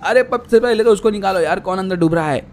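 High-voiced man narrating toy play for kids. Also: fast talker, soft background music. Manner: lively, exclaiming. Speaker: toy channel host.

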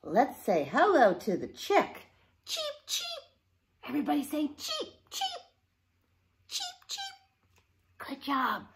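In her living room, a middle-aged woman runs an interactive read-along of a picture book for young children, her high voice swooping wildly in a broad sing-song. She goes slowly and leaves long pauses.

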